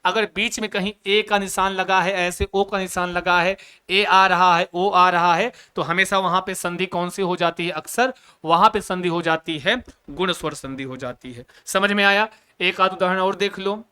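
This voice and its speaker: A male teacher giving a lively grammar lesson, asking questions and answering them himself, with joking asides. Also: high-pitched, moderate pace, clear, resonant tone.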